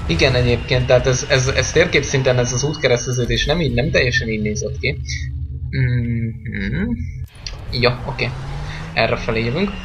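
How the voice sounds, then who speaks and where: A man's voice: medium pitch, noisy background. A man giving casual, rambling let's-play commentary on a game, joking and chatting with the game's characters. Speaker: gameplay commentator.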